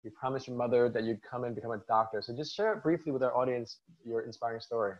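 A man's voice: medium pitch, fairly even intonation, fast, highs cut off. A man hosting a podcast, introducing his guest with upbeat enthusiasm. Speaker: podcast host.

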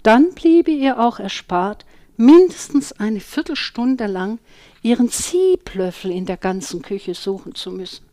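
Woman reading a children's storybook, unhurried and expressive. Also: on the high side. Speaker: audiobook reader.

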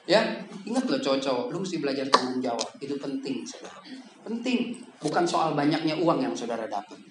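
A man preaching a lively, joking sermon to young people in a casual manner, with sudden loud bursts. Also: medium pitch, a little fast. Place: church hall. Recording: echoey hall with background noise.

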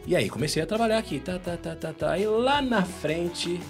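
A Brazilian voice actor and dubbing director chatting casually in an interview, telling animated stories. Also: male voice, sits high, normal speed, music in the background. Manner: animated storyteller, acts out quotes. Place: home recording in the United States.

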